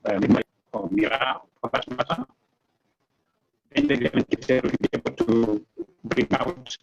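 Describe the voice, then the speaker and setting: A man speaking as a counselor psychologist on an online panel, his video-call audio breaking up and dropping out as he talks haltingly. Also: mid-range voice, huge pitch swings, gravelly. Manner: halting, with many fillers. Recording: lo-fi video call with faint noise.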